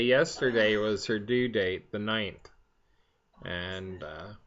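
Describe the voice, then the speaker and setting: Halting older man with a pipe, low voice. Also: a bit bright. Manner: rambling, halting, trailing off. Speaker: vlogger. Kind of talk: casual chat to camera. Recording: dull, lo-fi sound.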